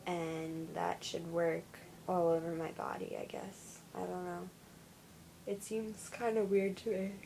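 Tired, flat-voiced young woman. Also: on the low side, creaky, slight background noise, low-quality recording. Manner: halting, with many fillers and restarts. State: tired, yawning. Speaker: vlogger. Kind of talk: casual personal video diary.

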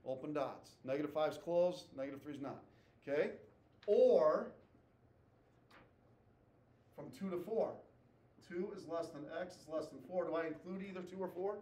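A man's voice: on the high side, normal speed, long pauses, warm tone. A man teaching a math class, asking students questions, repeating their answers and tagging "okay?" after his points. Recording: echoey classroom, voice from far off.

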